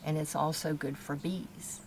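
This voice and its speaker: A woman talks in a fairly low voice. She explains things plainly and casually, as if showing someone around a garden. It is recorded outdoors, with faint ambient noise behind her. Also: steady tone, unhurried. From Kentucky, United States. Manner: plain, instructive, pointing things out. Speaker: gardener giving a garden tour. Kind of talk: casual narrated garden walk-through.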